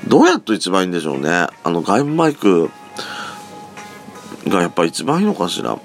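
Sleepy, raspy low-voiced man chatting. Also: sing-song, fairly quick. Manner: chatty, drifting, uses soft feminine speech endings. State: sleepy just-woken voice. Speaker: solo podcast host. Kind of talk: casual rambling solo talk. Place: room at home. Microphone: phone app mic set back from the mouth. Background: faint background music.

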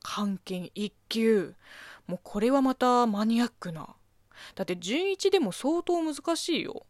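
A woman's voice: on the high side, animated, unhurried, a little mellow, no echo, studio quality. Chatty Chinese-accented woman radio host. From southern China. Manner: chatty, reads letters then comments offhand. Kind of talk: casual radio chat answering listener letters.

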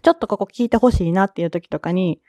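A woman with a Kansai accent chatting casually on her own podcast, laughing often and filling pauses as she goes. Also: fairly low pitch, a little mellow, no room sound, studio quality. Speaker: solo podcast talker. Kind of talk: casual solo chat.

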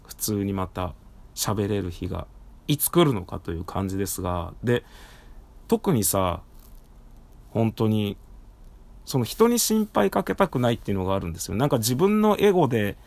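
A man with a hoarse, worn-out throat chatting casually on his own as a podcast host, speaking slightly muffled through a face mask. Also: on the low side, sing-song, moderate pace, darkish tone. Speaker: podcast host and live streamer. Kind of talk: casual solo talk. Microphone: recorded through a face mask.

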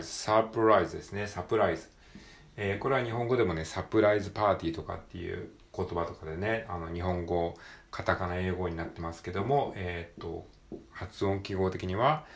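A Japanese man explaining English pronunciation in a solo study podcast. He talks in a polite, explanatory way with many "えー" fillers and drills each word slowly, over and over. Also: on the low side, roomy sound. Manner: slow, careful, repeats words many times to drill sounds.

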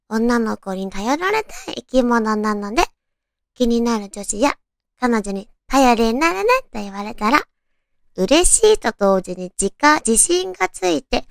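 A woman's voice: fairly high pitch, creaky, dry recording, clean studio sound. A woman chatting casually and girlishly as a solo host, reading out romantic material and adding her own reactions. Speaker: solo host of an audio talk show.

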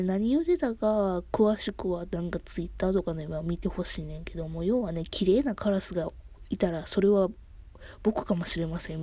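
Chatty Kansai woman, husky and mellow. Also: medium pitch, dry recording. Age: middle-aged. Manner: rambling, self-correcting, chatty. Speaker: podcast host. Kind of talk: casual solo podcast chat.

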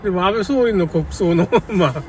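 A man recounting a local flood delivers a casual, unscripted monologue, rambling and opinionated in a conversational way. His voice sits high at normal speed. The recording is noisy from a distant mic, with car and outdoor ambience.

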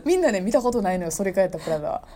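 A woman with a Kansai accent, co-hosting a casual comedy chat and firing off quick teasing retorts. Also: mid-range voice, very animated, warm tone. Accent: Kansai Japanese. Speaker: podcast co-host.

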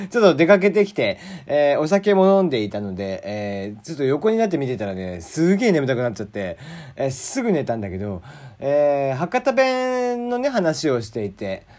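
A man hosting his own casual talk show, rambling with many drawn-out fillers and chuckling at himself, with slight traces of a Hakata dialect. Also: mid-range voice, sing-song, a little mellow. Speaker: podcast host.

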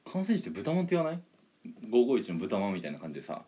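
A man's voice: mid-range voice, wildly swooping pitch, rapid-fire, mellow, husky. A man co-hosting a casual chat show, teasing his partner and laughing often. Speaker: podcast co-host.

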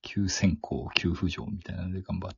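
A man's voice: deep voice, moderate pace, vocal fry, husky, no echo. A man hosting a podcast, chatting casually and jokingly about a film and acting out reactions. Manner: animated, joking, often acting out quoted reactions. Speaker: podcast host. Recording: dull lo-fi recording, dry.

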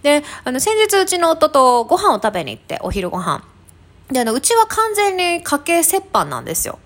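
A woman's voice: sits high, huge pitch swings, fairly quick. A woman in her thirties, hosting a casual talk show and telling a funny story with many fillers and laughs. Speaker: podcast host. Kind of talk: casual chat.

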